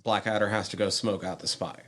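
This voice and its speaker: A man's voice: on the low side, steady tone, fairly quick, a bit bright. A man co-hosting a podcast, chatting casually and easily with short agreeing replies. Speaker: podcast co-host. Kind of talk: casual review chat.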